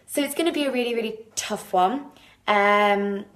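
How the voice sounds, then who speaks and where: A woman's voice: mid-range voice, moderate pace, fairly bright tone, echoey room. A woman leading a live home workout, chatty and a little out of breath, laughing at her own slips while she demonstrates the moves. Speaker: fitness instructor. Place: living room.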